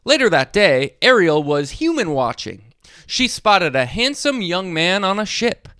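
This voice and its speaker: At a measured pace, a read-along host narrates an animated story for young children, speaking to them directly and adding quick asides. His high, clear voice ranges widely in pitch, and the audio is dry and close with no room sound.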